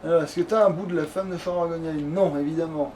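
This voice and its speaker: A let's player gives casual, sweary commentary while playing a fantasy video game. His voice is a little high and dark in tone, fast and fairly even, picked up by a distant mic with faint room noise.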